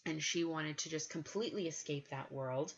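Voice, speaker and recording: Woman, low voice, enthusiastic casual chat, dull lo-fi recording. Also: normal speed. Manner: enthusiastic, chatty. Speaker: podcast co-host.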